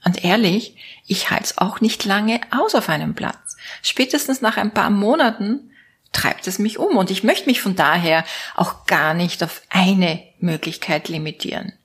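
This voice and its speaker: A woman's voice: medium pitch, lively intonation, a little slow, a bit bright, breathy edge. A woman from Austria with an Austrian German accent, musing aloud to her viewers in a playful, casual monologue as a network marketing coach. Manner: playful, musing aloud, switching between options.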